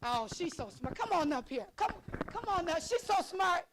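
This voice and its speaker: A woman presenting a financial literacy workshop, lively and excitable, laughing often and calling on audience members by name. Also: extremely high pitch, normal speed, background noise. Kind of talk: interactive workshop teaching.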